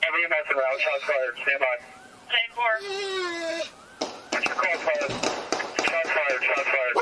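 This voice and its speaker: A police officer heard over a police radio transmission, speaking in clipped radio codes. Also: male voice, fairly high pitch, a little slow. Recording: distant noisy radio with sirens.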